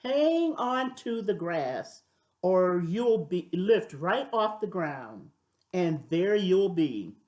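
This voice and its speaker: A woman's voice: fairly low pitch, very animated, takes it slowly, a little mellow. A woman reading the part of a loving, wise old grandmother from a storybook, tender and reassuring. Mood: gentle, wistful.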